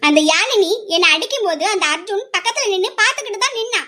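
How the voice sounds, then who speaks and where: Casual: woman playing a fuming young daughter, indignant, very high bright voice. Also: expressive, fast, exaggerated voice. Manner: indignant, complaining. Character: angry young woman, the daughter, hot-tempered. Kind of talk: amateur audio drama acting.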